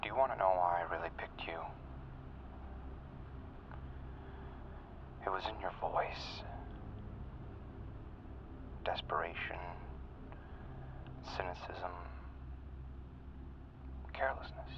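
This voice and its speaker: An actor playing a cold, manipulative psychopath calling a crisis hotline, calm and probing with a quiet menace, heard over a phone line. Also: male voice, low voice, measured pace, long pauses. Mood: whispered menace. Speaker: caller. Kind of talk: film drama acting. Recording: tinny phone line with faint noise.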